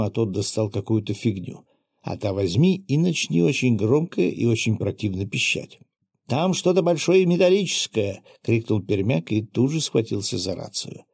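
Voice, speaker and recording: A man reading an audiobook aloud in steady first-person narration. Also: on the low side, vocal fry, slightly rough, dry recording, clean studio sound. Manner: steady, even storytelling.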